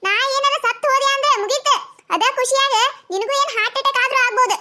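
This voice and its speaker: A woman voicing a sharp-tongued, scolding village mother-in-law in a cartoon comedy, with a North Karnataka accent. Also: very high voice, fast talker. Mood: sarcastic. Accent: North Karnataka Kannada. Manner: nagging, sarcastic, scolding.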